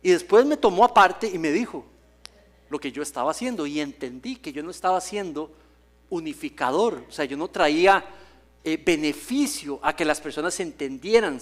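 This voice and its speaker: A man's voice: on the high side, animated, normal speed. A male pastor preaching a sermon in a church, telling stories with humor and acting out the voices he quotes. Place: church sanctuary.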